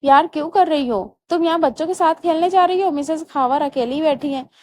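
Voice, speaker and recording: A woman's voice: high voice, a little fast, darkish tone, close to an everyday voice. A woman voicing a young newlywed husband who scolds and coaxes his wife by turns, in a storybook reading. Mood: scolding. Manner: scolding, then coaxing. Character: young newlywed husband, stern yet doting.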